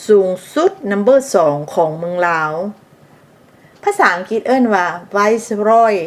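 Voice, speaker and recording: A woman from Laos narrating history in a scripted, steady voice of middling pitch. She explains terms as she goes and adds side remarks for her listeners.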